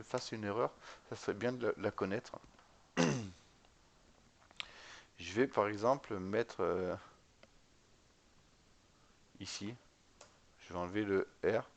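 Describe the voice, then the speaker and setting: A man gives a casual, screen-recorded command-line tutorial on setting up a web server, spelling commands out letter by letter and often checking in with the viewer. His voice is on the low side and gravelly, and he speaks slowly with long pauses.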